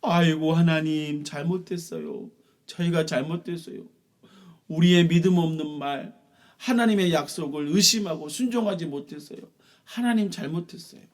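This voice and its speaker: A man voicing the grumbling Israelite people, complaining loudly and later wailing in remorse. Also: a little high, normal speed, pitched above the performer's own voice, natural voice. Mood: remorseful. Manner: whining, loud complaining.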